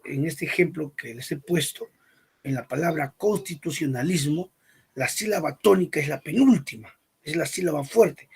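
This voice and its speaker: A male teacher giving a grammar lesson, repeating key points and checking understanding with quick questions. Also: fairly high pitch, vocal fry, slightly rough. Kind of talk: spoken language lesson.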